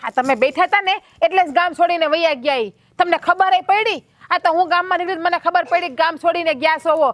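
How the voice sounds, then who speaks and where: A woman playing a sharp-tongued village wife who taunts her husband in a family drama. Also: very high voice, fairly quick, few pauses, no room sound. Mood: taunting.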